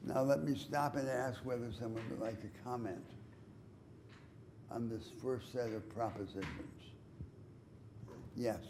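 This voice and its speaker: A man lecturing a class at an even middle pitch, laying out his argument in measured, deliberate steps and lifting his voice for emphasis. A faint hiss of noise sits under the recording. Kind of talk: university lecture. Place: lecture hall.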